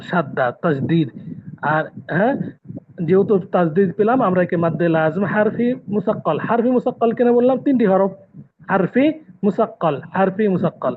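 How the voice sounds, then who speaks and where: Teaching the rules of Quran recitation in an online class, a man with a high-sitting voice patiently repeats terms and tests his students. The tinny, phone-like call audio carries a little hiss or hum.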